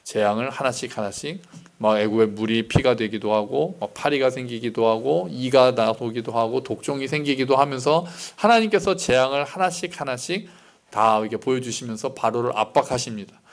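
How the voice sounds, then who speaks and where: A man's voice: medium pitch, a little fast. A male pastor giving a sermon in a conversational, explanatory way, often asking rhetorical questions.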